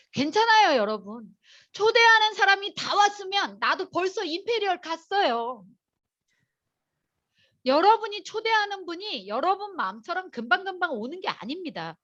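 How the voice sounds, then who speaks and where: Speaking at a moderate pace, a woman lectures a motivational seminar crowd through lively, conversational storytelling aimed straight at them. Her pitch is high and rises and falls widely, and the audio sounds muffled and lo-fi.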